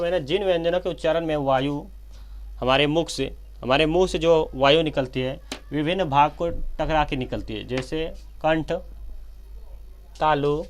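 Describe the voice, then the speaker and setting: Man teaching at a whiteboard. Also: a little high. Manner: addresses viewers as friends often, slow and repetitive, self-correcting. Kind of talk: whiteboard grammar lesson.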